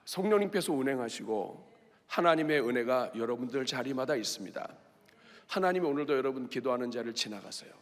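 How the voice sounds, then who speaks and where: A male pastor preaching a sermon with passion, acting out a beggar's cries in loud shouts. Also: medium pitch, expressive, a little fast. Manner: impassioned, acts out the blind man's cries with shouts. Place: large church sanctuary. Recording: long reverb of a large sanctuary.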